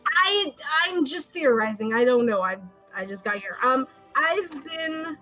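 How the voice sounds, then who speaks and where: Woman gamer in casual in-character talk; hesitant, informal, somewhat high pitch, faint music underneath. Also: animated, pushed and bright. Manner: informal, halting. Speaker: tabletop game player. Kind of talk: casual in-character game chat.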